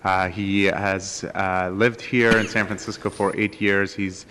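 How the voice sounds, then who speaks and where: A man interpreting a speaker's words into English at a public meeting, hesitant and halting. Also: sits low, flat delivery, background noise. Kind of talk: consecutive interpreting. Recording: long hall reverb.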